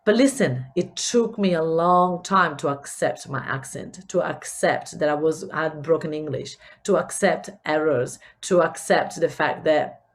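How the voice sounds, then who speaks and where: A middle-aged woman from Italy, a business coach, hosts a solo business podcast in a mixed accent with a Spanish touch. Her voice is on the low side and a little slow with hardly any pauses, and she speaks earnestly and encouragingly, doubling up words as she searches for them.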